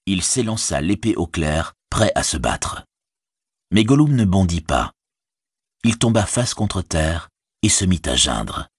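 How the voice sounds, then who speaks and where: A man reads a fantasy story aloud in a very deep, husky voice. His intonation rises and falls widely, and the recording is dry and close. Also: no echo. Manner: measured, expressive reading. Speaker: audiobook narrator. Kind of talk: scripted fantasy narration.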